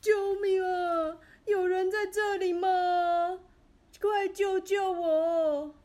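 A woman voicing a man trapped in a pit, shouting and pleading for rescue in a storybook reading. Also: very high-pitched, fairly even intonation, drawn-out words, pitched above the performer's own voice, full character voice. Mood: desperate. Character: adult man stuck in a pit, calling for help.

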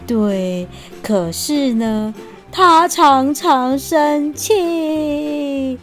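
A woman reading a picture book aloud to a child, gentle and expressive. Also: sits high, very slow, faint music behind. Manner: gentle and expressive, laughs often.

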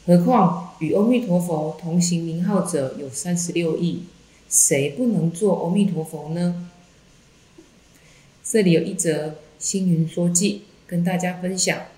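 Calm Buddhist nun reader, mellow low voice, roomy echo. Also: female voice. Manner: calm, measured reading. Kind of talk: reading a Buddhist text aloud. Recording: echoey room.

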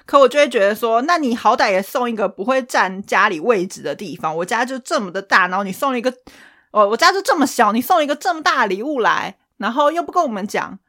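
A woman from Taiwan in her thirties, co-hosting a casual chat podcast and telling stories in an animated way, laughing often. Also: a little high, fast. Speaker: podcast co-host.

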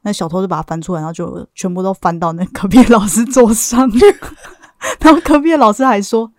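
A woman's voice: medium pitch, fast talker, dry recording, clean studio sound. A young woman, co-hosting a podcast and telling funny stories in casual chat, laughing often. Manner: chatty storyteller, laughs often. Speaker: podcast co-host.

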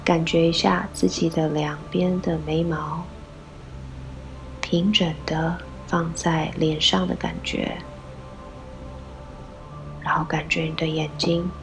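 Woman, guided meditation, low-pitched, soft and breathy, gentle instructions, clear background music. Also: little pitch movement, slow, pauses often, rough recording.

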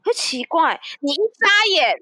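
A woman reacts and chimes in on a casual chat. Her high voice swings widely in pitch and sounds bright. The recording is dry and close. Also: big pitch swings, unhurried, no room sound. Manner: reactive listener with short interjections. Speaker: podcast co-host.

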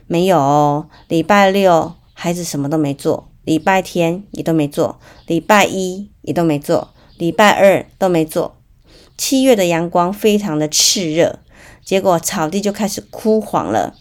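A woman's voice: on the low side, a little slow. A woman hosting a parenting podcast, telling a story in a chatty way with lots of fillers, speaking with a Taiwanese Mandarin accent. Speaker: podcast host.

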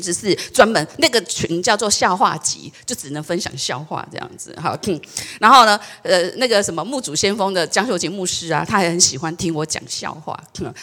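A woman pastor with a Taiwanese Mandarin accent delivers a sermon in a bright, clear voice of middling pitch. She is animated, cracks jokes and leads the congregation in call-and-response.

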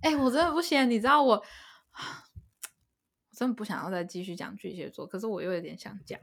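A woman's voice: medium pitch, expressive, fast, gravelly. A woman hosting a podcast, chatting expressively and laughing easily. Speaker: podcast host. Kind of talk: casual chat.

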